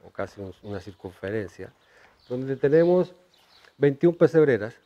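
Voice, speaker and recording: Interviewed outdoors on a ranch through a lapel mic, this Chilean man in his fifties, a horse trainer, warmly spins stories, softly trailing off and frequently starting over. His Chilean Spanish shows a Mexican influence. He has a medium-pitched voice with lively intonation at a normal pace, and the recording sounds muffled.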